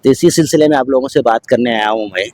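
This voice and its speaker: A man's voice: mid-range voice, fast talker, a little mellow, slight background noise. A man, a street reporter asking residents long, formal questions. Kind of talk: vox pop interview questions.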